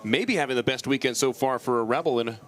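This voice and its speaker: A man's voice: medium pitch, fast talker. A man giving live baseball commentary as a play-by-play broadcaster at an outdoor ballpark.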